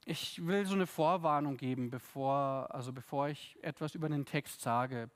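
A man preaching a sermon in a lively, conversational way, with asides and tag questions to his congregation. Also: mid-range voice, moderate pace. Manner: reads scripture aloud with the congregation.

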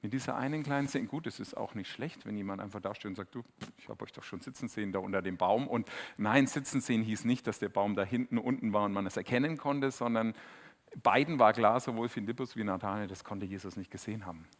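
A middle-aged preacher, his voice sitting on the low side. He talks in a casual, animated way and throws himself into the quotes, his voice jumping up and getting loud when he acts them out. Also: fast. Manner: lively, conversational, acts out quotes with raised voice. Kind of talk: sermon.

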